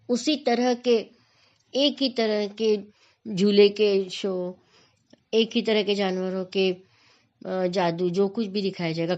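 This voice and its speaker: A woman explaining devotional verses in a measured talk, often repeating a phrase as she searches for the next word. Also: medium pitch. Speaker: spiritual teacher explaining verses. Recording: dull lo-fi recording.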